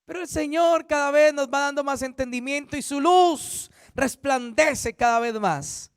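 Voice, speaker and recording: High-voiced pastor teaching a Bible study. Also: male voice, unhurried, no echo, studio quality. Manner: earnest, repetitive, self-correcting teacher.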